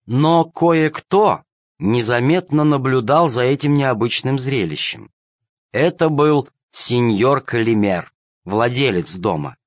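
Man, storybook narration, calm, mid pitch, dry, dull lo-fi sound. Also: takes it slowly, no echo.

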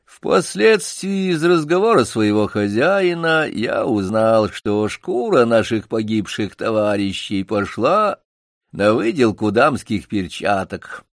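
A man voicing a pompous old male circus poodle who lectures slowly with showy pauses. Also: on the low side, very animated, no echo, clean studio sound, exaggerated voice. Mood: lofty, lecturing.

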